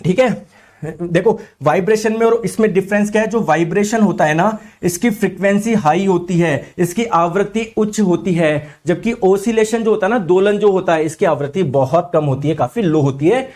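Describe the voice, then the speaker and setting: A high-pitched man teaching, his throat a little sore. He is animated and keeps questioning the class, then answers in the students' voice. His voice sits above most men's. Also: normal speed. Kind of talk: lively classroom lecture.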